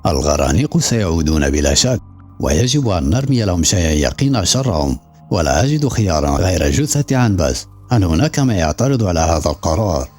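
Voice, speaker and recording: A man's voice: deep voice, very animated, fairly quick, a little mellow, soft background music. A man voicing an angry, domineering ship captain in an audiobook, with a harsh, commanding delivery.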